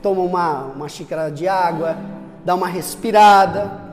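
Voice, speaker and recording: Animated Brazilian male preacher; reverberant church with faint music behind. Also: high voice, moderate pace. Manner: animated preaching, acts out voices, rhetorical questions. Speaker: pastor. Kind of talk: sermon.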